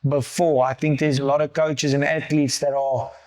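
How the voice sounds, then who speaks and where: A man's voice: on the high side, level tone, normal speed, a little mellow. A man with a South African accent, an MMA coach interviewing his fighter, who restarts and repeats words as he builds long questions. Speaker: MMA coach and podcast host. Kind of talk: podcast interview.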